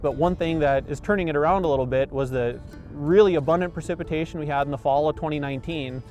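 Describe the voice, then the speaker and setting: A man's voice: fairly high pitch, fast talker, a little mellow, soft background music. A man in his forties, a fisheries biologist, answering interview questions outdoors by a river in an earnest, explanatory way, with frequent fillers and restarts.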